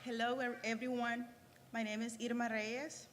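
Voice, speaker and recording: A woman's voice: fairly high pitch, level tone. Earnest Salvadoran woman in a reverberant hall. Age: 30s. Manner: earnest, halting with restarts. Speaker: graduating student speaker. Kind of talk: prepared ceremony speech. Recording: reverberant hall, faint noise.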